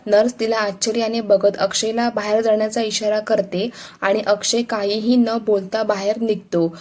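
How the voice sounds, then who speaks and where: A woman narrating a family drama story in a steady, unhurried reading style. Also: medium pitch.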